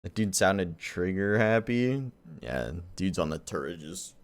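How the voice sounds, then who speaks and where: A man chatting excitedly as he reacts to a game trailer, loose and slangy. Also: low-pitched, unhurried, dry recording. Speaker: gaming YouTuber. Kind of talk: casual reaction commentary.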